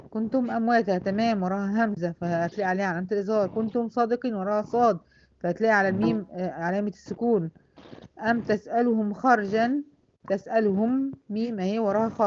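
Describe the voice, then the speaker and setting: Fast-talking Egyptian woman teaching tajweed. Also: mid-range voice, a little mellow, muffled recording, a little hiss or hum. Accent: Egyptian Arabic. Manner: explains with quick questions and answers, recites examples slowly. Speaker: Quran recitation teacher. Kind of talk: online class teaching tajweed.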